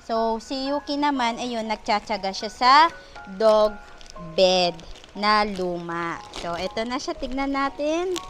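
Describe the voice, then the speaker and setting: A woman's voice: fairly high pitch, expressive, slow. A young Filipino woman in casual vlog chat at home, cooing baby talk to her dog. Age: young adult. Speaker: vlogger. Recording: faint background music.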